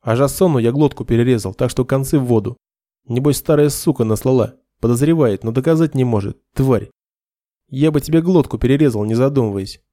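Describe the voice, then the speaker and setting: Guy reading as a nasty old noble officer, snarly and contemptuous, dark dry voice. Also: mid-range voice, brisk, no room sound, close to an everyday voice. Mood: guarded. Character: vicious aging noble retired major.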